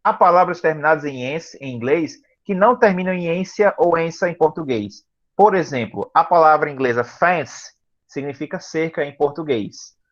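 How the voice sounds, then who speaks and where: A tired male teacher explaining vocabulary to a class over a video call, patient and slow, often checking that students follow. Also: a little high, a bit bright, lo-fi sound. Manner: patient, repeats words slowly and checks understanding often. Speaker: English teacher.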